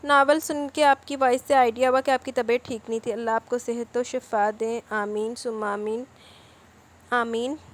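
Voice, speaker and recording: A woman's voice: on the high side, steady tone, normal speed. A woman who hosts a novel-reading channel, reading out viewer comments and answering each one in casual chat.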